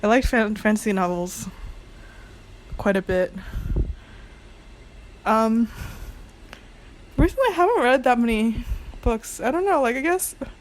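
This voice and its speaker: A woman's voice: fairly high pitch, animated, unhurried, long pauses, a little hiss or hum, rough recording. A young adult woman vlogging in a casual, rambling monologue, hesitant and meandering, leaning heavily on filler words. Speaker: amateur video blogger.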